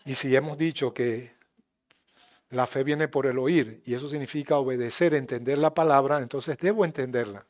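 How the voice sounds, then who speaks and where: A man with a Panamanian Spanish accent preaching a sermon in church, swinging between loud emphatic rises and quiet asides. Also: medium pitch, moderate pace. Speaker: pastor.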